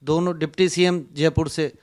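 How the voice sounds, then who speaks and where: A man's voice: fairly high pitch, fairly even intonation, moderate pace, a little mellow. A man working as a reporter, asking politely persistent interview questions.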